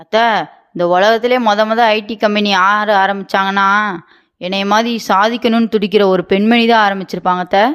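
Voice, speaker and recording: A woman's voice: medium pitch, steady tone, fairly quick, clear, resonant tone, lightly acted. A woman voicing a naive, stubborn young wife with big dreams in a cartoon comedy. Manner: stubborn, boastful, childlike.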